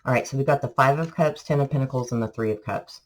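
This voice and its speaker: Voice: medium pitch, fast, poor audio. A tarot reader with a congested voice from allergies, talking viewers through a casual reading in a chatty, rambling way full of fillers.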